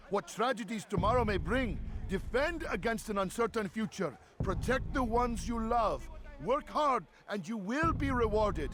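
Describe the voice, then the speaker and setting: An actor playing a zealous street orator in a video game, proclaiming and persuading like a salesman to a crowd. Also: high voice. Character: zealous male street orator preaching a patron's promises to crowds.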